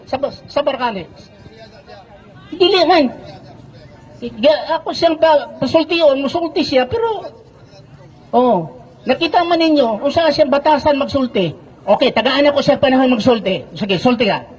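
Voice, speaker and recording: Filipino guy arguing into a handheld mic at an outdoor crowd, very high voice, keeps saying relax. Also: husky, poor audio. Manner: argumentative, keeps repeating calls to relax and wait. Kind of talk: heated street debate. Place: outdoor public gathering. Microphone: handheld microphone.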